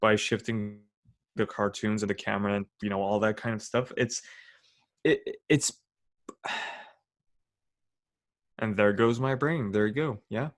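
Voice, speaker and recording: A man's voice: on the low side, fairly even intonation, a little slow, long pauses. A young man co-hosting a podcast in casual chat, rambling with many fillers and restarts. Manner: rambling, full of "you know" and "like". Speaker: podcast co-host.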